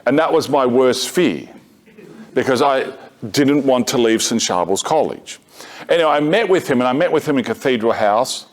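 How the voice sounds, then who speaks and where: A middle-aged man gives a talk to a parish group, moving between points of argument and stories from his own life. His delivery is conversational and unpolished, full of restarts and self-corrections, with dry, wry asides. His voice sits at an ordinary middle pitch for a man. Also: animated, normal speed. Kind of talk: lecture mixed with personal anecdote. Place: parish gathering room.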